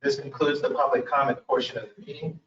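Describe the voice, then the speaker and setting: A man chairing a public commission meeting, reading procedural items and pausing often on "uh". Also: mid-range voice, flat delivery, crowd noise. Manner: procedural, with frequent "uh" pauses. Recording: echoey room, mic far off, dull sound.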